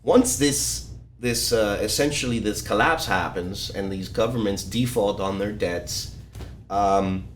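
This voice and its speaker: A man's voice: on the low side, a little slow, reverberant. A man from Ecuador talking casually as a guest, explaining things with many fillers and restarts. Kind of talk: casual podcast conversation. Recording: faint background noise.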